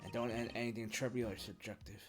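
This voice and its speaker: A man's voice: fairly low pitch, fairly even intonation, fast talker, natural voice. A man voicing a cold, condescending older prosecutor in clipped tones, over game music. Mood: scornful.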